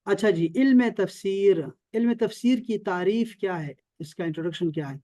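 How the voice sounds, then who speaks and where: High-pitched male teacher, dry close sound, video call, repeats key terms, keeps checking students follow. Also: warm tone, no echo. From Pakistan. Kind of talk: online Arabic and Quran lesson.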